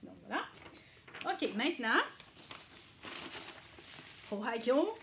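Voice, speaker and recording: A woman's voice: medium pitch, normal speed, a little hiss or hum. A woman giving a casual video lesson as a language teacher, checking in often with her viewers. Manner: chatty, checks in with frequent "ok?".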